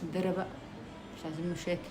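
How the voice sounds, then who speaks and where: A woman's voice: lowish voice, flat delivery, racing, over music. Playful Egyptian woman live streaming. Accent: Egyptian Arabic. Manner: chatty, reads viewer names, teasing and playful. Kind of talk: casual live stream chat with viewers.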